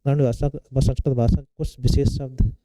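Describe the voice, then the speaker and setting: Man, very dark mellow voice, dry close sound, quizzes then answers himself, exam-prep lesson. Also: mid-range voice, little pitch movement, a little fast, no room sound, poor audio. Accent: Hindi. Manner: asks a question then answers it himself, repeating key words. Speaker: teacher. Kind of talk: exam-prep Hindi lecture.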